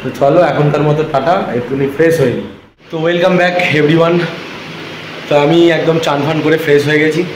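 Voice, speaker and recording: A man's voice: a little high, fairly even intonation, fairly quick, roomy sound, background noise. A tired man talking casually to his viewers in a travel vlog. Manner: chatty, talks straight to viewers. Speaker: vlogger. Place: hotel and beach town, indoors and out.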